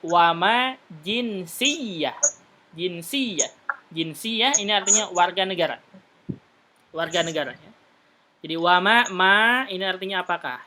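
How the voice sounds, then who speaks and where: Bright-voiced patient male Arabic teacher. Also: on the high side, a little hiss or hum. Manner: patient, repeats explanations slowly. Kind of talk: teaching an online Arabic class.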